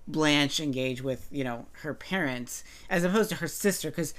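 A man's voice: a little high, moderate pace, fairly bright tone. A man from Appalachia co-hosting a podcast, chatting loosely about a TV show with many fillers and self-corrections. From Appalachia, United States. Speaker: podcast co-host. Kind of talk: casual chat about a TV show.

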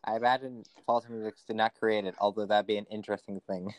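A man co-hosting a podcast in casual banter, dropping deadpan one-liners. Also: on the low side, fast, no echo. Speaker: podcast co-host.

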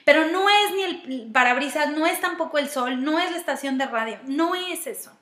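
Woman, Mexican Spanish accent, self-help talk, rhetorical questions, high voice, echoey room. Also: expressive, normal speed, bright, forceful tone. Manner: asks herself questions aloud, step by step. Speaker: speaker giving personal-growth advice. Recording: roomy echo.

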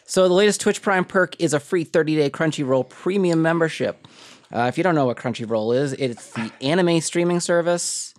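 A woman co-hosting a casual gaming podcast, reading news items in a relaxed way with dry asides. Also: deep voice, moderate pace. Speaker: podcast co-host. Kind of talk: casual chat.

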